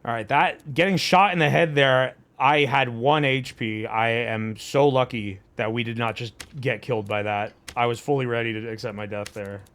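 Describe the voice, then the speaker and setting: A man doing casual live game commentary for his chat, profane and excitable in his talk. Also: medium pitch, normal speed, hardly any pauses, slight background noise. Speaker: game streamer. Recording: game music behind voice.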